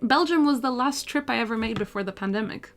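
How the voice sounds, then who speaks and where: A woman's voice: fairly high pitch, fast. A woman in her twenties, from Portugal, chatting casually with viewers on a live stream while she draws, laughing easily as she answers messages. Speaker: art streamer.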